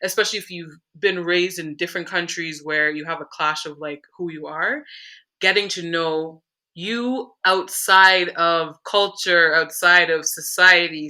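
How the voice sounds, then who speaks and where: Bright-voiced young woman. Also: on the low side. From Canada. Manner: earnest, reflective storytelling. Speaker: guest. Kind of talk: candid conversational interview.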